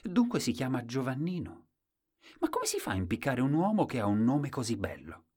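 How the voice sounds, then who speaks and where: A man's voice: mid-range voice, huge pitch swings, normal speed, darkish tone, slightly rough, pitched above the performer's own voice. A man voicing a small, pale, timid boy who is innocent and full of wonder.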